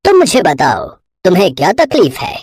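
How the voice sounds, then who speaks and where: Woman voicing a grandfatherly old Santa, cartoon narration, deep voice, husky tone, slow delivery. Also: huge pitch swings, a little mellow, no room sound, clean studio sound, heavily acted. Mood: kind. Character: kind old male Santa Claus, gentle and grandfatherly.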